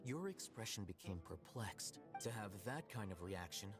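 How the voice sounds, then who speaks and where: A cool, aloof male scholar, as a man plays him, speaking in a lowish, measured and dry voice. The game dialogue plays over clear background music. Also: expressive, close to an everyday voice. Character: aloof male scholar, calm and sharp-witted.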